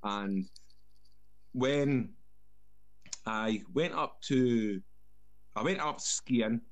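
A man's voice: medium pitch, very slow. Man with a broad Scottish accent. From Scotland. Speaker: guest, former soldier. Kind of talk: casual anecdote telling.

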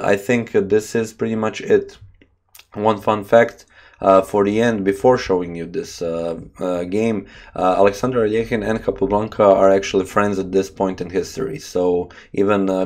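A man hosting a chess channel, casually talking through a game with many filler pauses. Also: low-pitched, a little mellow. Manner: chatty, many uh fillers, admits struggling with names.

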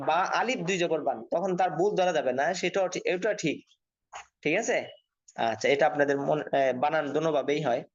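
A man's voice: a little high, highs cut off. A man teaching an online Quran reading class, patiently spelling out letters and their endings. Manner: patient, repeats drills slowly. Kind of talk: online Arabic letter lesson.

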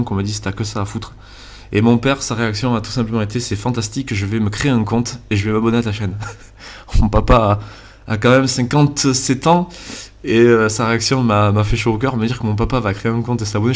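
A man in his twenties from the Landes in southwest France, with a southwestern French accent. He talks earnestly over gameplay, often pausing on "euh", recorded on a basic cheap microphone. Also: on the low side. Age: 20s. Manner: earnest, hesitant with frequent "euh" fillers. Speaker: YouTube gaming channel host.

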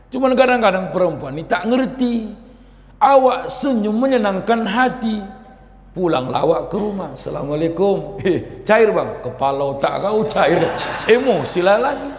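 A man preaching a lively sermon, loud and forceful, dropping into quiet asides and teasing the audience with questions. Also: sits high. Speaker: Islamic preacher. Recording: echoey hall reverb.

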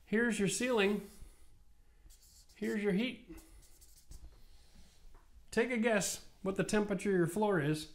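A tired man in his forties from Canada, explaining basement renovation at a whiteboard in an emphatic, animated way. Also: high-pitched, slow pace, long pauses. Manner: animated, emphatic, rising to passionate rants. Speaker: renovation expert host. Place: studio set with whiteboard, indoors. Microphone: lapel mic.

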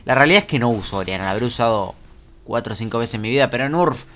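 A young man with an Argentine accent giving fast, excitable gameplay commentary, explaining moves and swearing casually as he plays. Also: mid-range voice, a little hiss or hum. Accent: Argentine Spanish. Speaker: gaming YouTuber.

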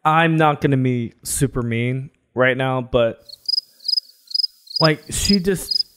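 A man in his thirties giving casual reaction commentary as a podcast co-host, emphatic and quick to qualify, on a close studio mic. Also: medium pitch, fairly bright tone, a little hiss or hum. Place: small foam-treated studio. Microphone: close studio microphone on boom arm.

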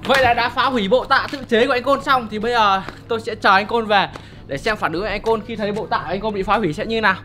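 Fast-talking young man. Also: sits high, music in the background. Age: young adult. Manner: chatty, upbeat, addresses viewers directly. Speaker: vlogger host. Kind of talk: casual prank vlog talk to camera. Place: outdoor yard and indoor storeroom.

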